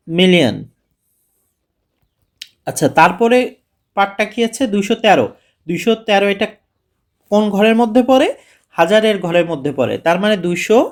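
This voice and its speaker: A man teaching a class six math lesson, asking his students questions and answering them himself, often checking with a casual "okay?". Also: on the high side. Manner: casual, repeats "ঠিক আছে?" to check understanding.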